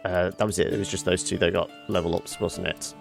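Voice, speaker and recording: A man's voice: deep voice, flat delivery, a little fast, gravelly. A man giving casual let's play commentary, often muttering questions to himself as he goes. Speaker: gaming video host. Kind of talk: casual let's play commentary, reading game dialogue aloud. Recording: music behind the voice.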